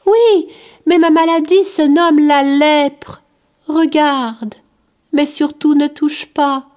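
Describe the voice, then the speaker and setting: A woman voicing a kind, gentle leper man in a storybook reading, speaking earnestly. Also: high voice, fairly even intonation, takes it slowly, pitched above the performer's own voice.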